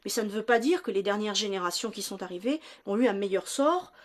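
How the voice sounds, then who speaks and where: A woman's voice: mid-range voice, animated, fairly quick. A woman answering interview questions, explaining in detail and often searching for words. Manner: searching for words, restarting phrases.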